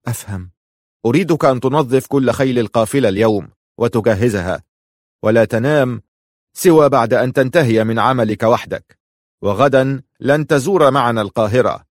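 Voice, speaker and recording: A harsh Mamluk master in his middle years barks orders and threats, as a male narrator puts him on. The voice sits low and firm. It is recorded close and dry with no room sound. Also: no echo, lightly acted. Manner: commanding, threatening.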